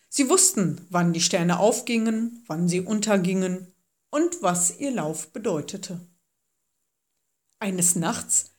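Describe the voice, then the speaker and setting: Woman reading a children's story. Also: medium pitch. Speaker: narrator.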